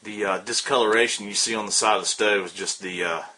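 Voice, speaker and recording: A man with a Southern US accent giving a casual how-to demonstration of a homemade stove, relaxed and rambling, with lots of uh and um fillers. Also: fairly low pitch, fast, a little hiss or hum. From Southern United States. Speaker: outdoor gear hobbyist demonstrating a stove.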